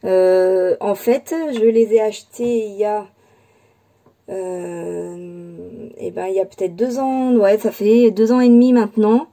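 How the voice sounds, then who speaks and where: Casting: woman, crafting vlogger, very dark mellow tone, halting casual delivery. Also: mid-range voice, flat delivery. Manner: hesitant, many fillers and restarts. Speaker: scrapbooking channel host. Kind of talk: casual crafting show-and-tell.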